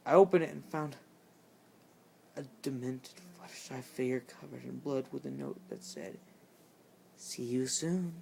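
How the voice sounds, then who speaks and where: A man reading a horror story aloud, halting and often restarting mid-sentence. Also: mid-range voice, fairly even intonation, vocal fry, warm tone, a little hiss or hum. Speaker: channel host reading horror stories.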